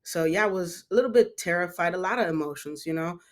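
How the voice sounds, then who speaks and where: A woman from Germany, the CEO of a company, answering podcast interview questions in a relaxed way with frequent ums. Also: on the low side, fast.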